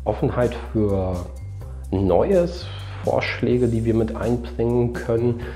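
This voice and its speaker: A nurse and team coordinator in his thirties answers interview questions earnestly, speaking in long, fluent sentences. His mid-range voice is slow and warm, with faint music behind it. He sits indoors before a plain backdrop, wearing a lapel mic.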